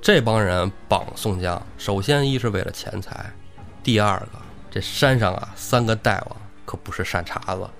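一位男性播客主持人用生动幽默的方式讲述古典小说故事。. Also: male voice, on the low side, moderate pace, vocal fry, soft background music. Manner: animated, humorous retelling. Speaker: podcast co-host, storyteller. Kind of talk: lively storytelling chat.

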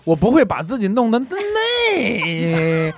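A man's voice: sits high, huge pitch swings, takes it slowly, a crowd in the background. A man, joking and teasing in casual podcast banter. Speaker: podcast co-host.

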